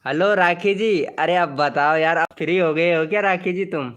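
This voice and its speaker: A man's voice: on the high side, moderate pace, fairly bright tone, clear, resonant tone. A man chatting casually on a livestream, greeting viewers by name and repeating his phrases as he reads out their comments. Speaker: live streamer greeting viewers.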